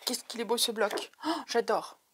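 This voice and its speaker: A woman's voice: a little high, moderate pace, fairly bright tone, a little hiss or hum. A woman on a crafting vlog, overexcited and talking through a headset, gushing and repeating her words as she chats to viewers. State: overexcited, heart pounding. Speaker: crafting vlogger. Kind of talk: excited unboxing chat.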